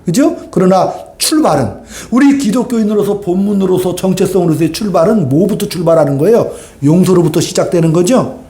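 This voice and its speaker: High-voiced pastor preaching in an echoey hall. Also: male voice, a little fast, hardly any pauses. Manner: animated storytelling, acting out quoted voices, rhetorical questions. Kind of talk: sermon. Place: church sanctuary.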